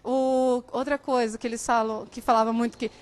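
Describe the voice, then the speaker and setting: A woman teacher from São Paulo state with a São Paulo Portuguese accent softened by years in the south, giving a live classroom lecture and often checking that students understand. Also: fairly high pitch, flat delivery, brisk. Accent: São Paulo Portuguese, softened by years in southern Brazil. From São Paulo state, Brazil.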